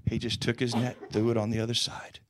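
A male pastor preaching a sermon in an animated, conversational storytelling style, with touches of humor. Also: mid-range voice, a little fast, noisy background.

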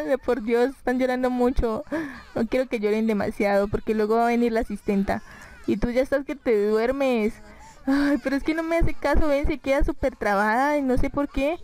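A woman chats through a life-simulation game at her computer microphone. Her voice sits a little high, and she sounds chatty and exasperated as she comments on the play. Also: darkish tone, rough recording. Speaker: gaming YouTuber. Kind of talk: casual let's-play commentary.

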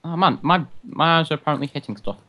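A man's voice: fairly high pitch, animated, quick pace, muffled recording. A man hosting a gaming video, giving casual commentary and chatting with another player over voice chat. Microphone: voice chat call while gaming.

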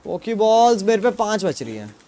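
Young male streamer, high voice, playful teasing gamer banter. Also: sing-song, brisk, mellow, a little hiss or hum. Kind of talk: casual gaming chat.

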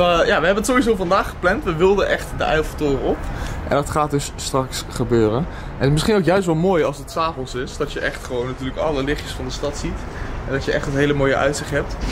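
A man in his twenties with a Netherlands Dutch accent, chatting casually to his vlog camera in an informal way, repeating short phrases. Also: fairly high pitch. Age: 20s. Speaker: vlogger. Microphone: handheld camera at arm's length. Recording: clear background noise, traffic ambience.

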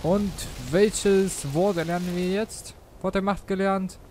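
A man's voice: high-pitched, steady tone, slow pace, a little mellow, a little hiss or hum. A man giving casual, jokey let's play commentary, mixing in English slang. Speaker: let's player.

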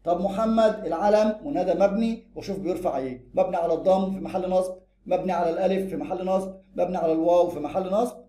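A man with an Egyptian Arabic accent teaching a grammar lesson, quick and emphatic, slowing down to stress each example. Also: high-pitched, steady tone, warm tone, echoey room. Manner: brisk, drills examples slowly and emphatically.

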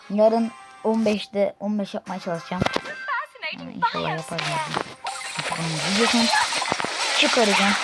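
Excitable gamer talking over loud music. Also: female voice, medium pitch. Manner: excitable, swears and shouts at teammates. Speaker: gaming YouTuber. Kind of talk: casual gameplay commentary. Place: own room at home. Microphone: faulty desk microphone. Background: loud game music.

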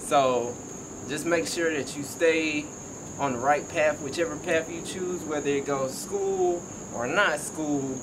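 A noisy background surrounds a young adult man from Georgia, USA, as he vlogs outdoors by a house. He's an HVAC technician giving casual, motivational talk in emphatic slang, and his voice is on the high side, very animated yet slow.

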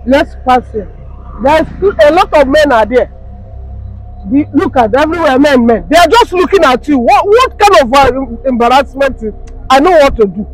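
A man's voice: very high voice, expressive, moderate pace, faint music behind, rough recording. A young man with a Nigerian, West African accent playing an insecure, controlling husband in a comedy skit, agitated and repetitive. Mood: bossy, jealous. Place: outdoors on a street.

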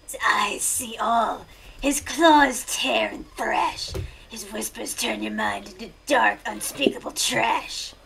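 A woman putting on a creepy voice in whispered role-play, reciting a dark poem in an ominous, drawn-out way. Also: a little high, slight background noise, voice pushed down, heavily acted, rough recording. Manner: slow, ominous, rasping delivery.

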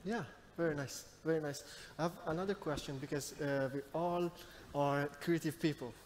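A young man who grew up in Iran, moderating a live panel on a large stage with a headset mic, speaking in a hesitant, halting way with many fillers. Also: a little high, a little mellow, a little hiss or hum.

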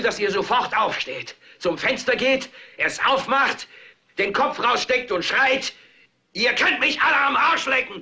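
Fed-up TV anchorman in a dubbed film, husky bright high voice, grim then shouting orders. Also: heavily acted. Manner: builds from grim brooding to hoarse shouted commands. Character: weary middle-aged male TV anchor, furious and rousing. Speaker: news anchor on air.

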